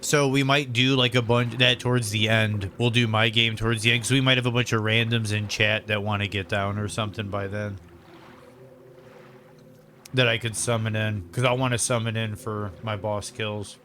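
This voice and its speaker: A man casually commenting on his video game stream in a rambling, relaxed way, eating lunch as he talks. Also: on the low side, moderate pace, a little hiss or hum. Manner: rambling, relaxed, lots of fillers. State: eating while talking.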